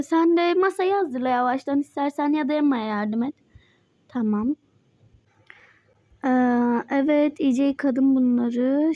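Voicing Mike in a mobile Toca Life game, a young girl keeps up a fast, playful exchange of casual role-play chat. Her voice sits high with a dark tone, captured in a dry, lo-fi recording.

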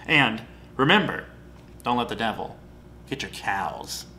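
Chatty bright-voiced man. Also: fairly low pitch, expressive, a little slow, slight background noise. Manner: chatty, giggly, lots of fillers. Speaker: writer and performer. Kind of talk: casual chat and reading of own comic fiction.

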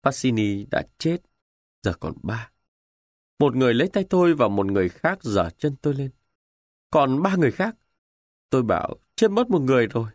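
A man narrating a war novel in the first person with dramatic, expressive delivery. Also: medium pitch, normal speed, pauses often, no echo, clean studio sound. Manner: expressive, emotional storytelling. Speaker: audiobook narrator.

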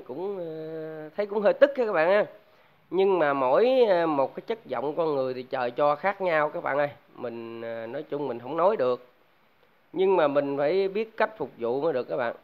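A man talks casually and at length to his viewers, full of fillers and repeated words. His voice sits a little high for a man. The sound is dull and lo-fi, like a home recording. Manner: rambling, many fillers and restarts, addresses viewers constantly. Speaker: DIY audio vlogger. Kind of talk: casual chat to camera.

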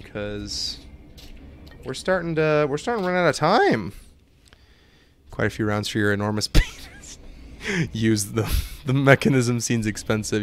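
Young man, game streamer, lively swinging pitch, middle-pitched voice, swears a lot, reads on-screen text aloud, desk mic at home. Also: a little hiss or hum. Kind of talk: casual live-stream commentary while playing.

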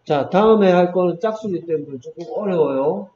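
A man's voice: high voice, moderate pace, warm tone. A man teaching English phonics one-on-one, patiently modeling each sound and encouraging his student. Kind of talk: one-on-one online phonics lesson. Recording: dull lo-fi recording with faint background noise.

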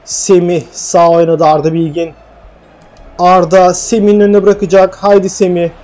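A young man giving excited play-by-play commentary on his own football video game match, swinging from calm narration to shouts at missed chances. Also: high voice, moderate pace. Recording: faint game music behind.

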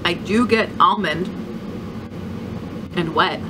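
A woman's voice: lowish voice, slow, noisy background. Blunt woman talking while chewing. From Philadelphia area, US. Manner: blunt, frank verdicts. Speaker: food reviewer. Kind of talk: casual taste-test vlog.

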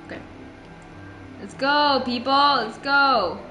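A woman's voice: sits high, takes it slowly, pushed and bright. A young woman commenting casually on a game, switching between English and Spanish with a joking manner. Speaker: gaming streamer. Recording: roomy sound with game music behind.

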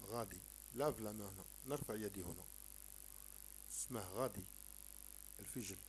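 A man's voice: on the low side, darkish tone, poor audio. Male tutor with an Algerian accent, patient and repetitive, breaking words into letters, faint music behind. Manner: patient, repeats words slowly and sounds out letters. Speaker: teacher. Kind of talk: explaining a French textbook lesson in Arabic.

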